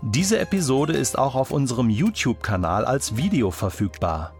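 A man hosting an interview podcast, introducing his guest and asking questions in a measured way. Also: mid-range voice, big pitch swings, faint music behind. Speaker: podcast host.

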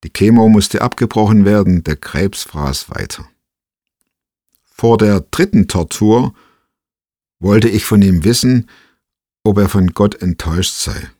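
A man's voice: on the low side, measured pace, pauses often, dark tone, no echo, clean studio sound. A man giving a scripted devotional reflection, thoughtful and full of rhetorical questions. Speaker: preacher giving a devotional talk.

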